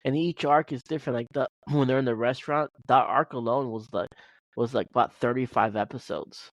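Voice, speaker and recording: A man's voice: mid-range voice, steady tone, brisk, dry recording, muffled recording. A man co-hosting a casual podcast, rambling with many restarts and fillers. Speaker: podcast co-host. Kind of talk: casual chat.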